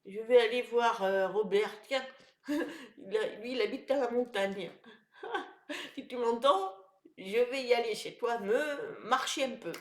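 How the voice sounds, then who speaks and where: Stuffy and nasal from a head cold, this woman's fairly high voice still has lively intonation. Recorded slowly in an echoey room, the wellness vlogger chats to camera, sharing tips with her viewers in a halting, casual manner full of fillers and false starts.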